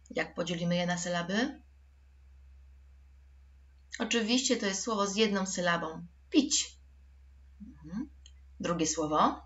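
A woman's voice: lowish voice, fairly bright tone. A woman teaching a recorded school lesson for children, patient and addressing the pupils directly.

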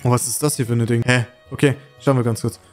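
A young man giving chatty, excitable commentary while playing a game, often pleading with it for rewards. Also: mid-range voice, fast. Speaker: gaming YouTuber. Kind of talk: casual let's-play commentary. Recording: faint music under the voice.

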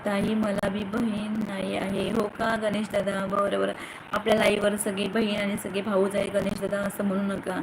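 A woman's voice: mid-range voice, completely flat delivery, normal speed. Chatty woman streaming live from home. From Ratnagiri, Konkan, India. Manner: chatty, greets viewers by name, calls to her children. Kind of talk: casual live-stream chat reading comments. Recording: echoey phone recording with loud background noise.

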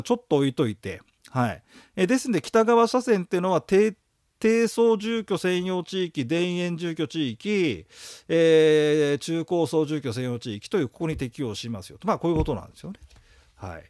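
A man's voice: on the high side, no room sound, studio quality. A man giving a recorded audio lecture for exam prep, talking casually, joking and leading rhythmic memory chants.

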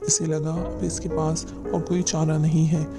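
A man reads a novel aloud in a measured, dramatic storytelling voice that slows down for the tense moments. His pitch sits a touch high for a man and stays fairly flat and even. Loud background music plays under the whole narration. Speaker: audiobook narrator.

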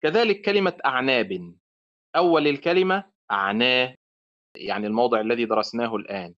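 A man leads an online class on Quranic recitation, and he talks in a measured, encouraging way. His voice sits at a middle pitch for a man. The audio is muffled and lo-fi. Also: lively intonation, fairly bright tone. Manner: encouraging, quotes poetry in praise. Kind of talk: online lecture with student recitations.

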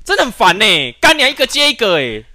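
A game streamer with a Taiwanese Mandarin accent rants without pause, firing off curse after curse. His voice sits high and very bright, and it leaps wildly up and down. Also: wildly swooping pitch, no room sound. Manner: nonstop cursing, yelling. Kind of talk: raging live-stream rant.

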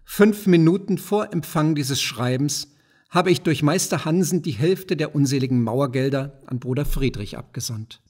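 A canny, self-pleased senator from a classic storybook who addresses people in stiff old-fashioned forms, as a male audiobook reader does him. His voice is slightly husky at a middle pitch. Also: moderate pace, a little mellow. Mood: dejected. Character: shrewd, self-satisfied old-style merchant senator.

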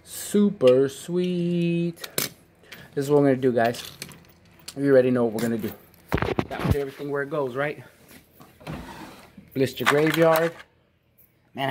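A man in his forties hosts a casual collector vlog from his basement room, reviewing diecast cars with easy enthusiasm. His voice sits in a middle pitch, and he breaks into playful beep-boop sound effects as he goes. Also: noisy background. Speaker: diecast collector channel host.

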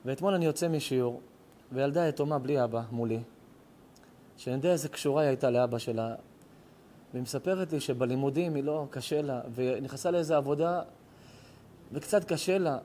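A man's voice: a little high, warm tone, a little hiss or hum. A middle-aged man, a rabbi, telling a heartfelt story in a moral sermon, his voice rising and cracking with emotion. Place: synagogue or home lecture hall.

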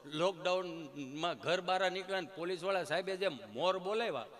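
A man's voice: high voice, fairly quick, fairly bright tone, pitched below the performer's own voice. A man droning as a dopey village fellow. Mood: drawling. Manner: drawling, dopey. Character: slow, dim-witted village man.

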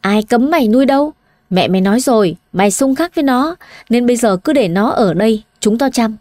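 A woman's voice: fairly high pitch, expressive, brisk, a little mellow, no echo, studio quality, natural voice. A woman voicing a stern older father-in-law who gives curt orders. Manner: curt, commanding.

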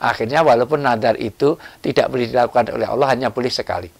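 Male preacher, gravelly voice, animated and joking, rises to near-shouts. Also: medium pitch, rapid-fire. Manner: lively, joking, animated delivery with sudden loud rises. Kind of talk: sermon.

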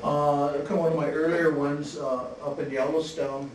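A man presenting his photographs at a symposium, talking in a relaxed, halting way with many restarts and chuckles. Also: a little high. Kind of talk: slide talk at a symposium. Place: museum lecture hall. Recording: echoey hall, distant mic, faint hiss.

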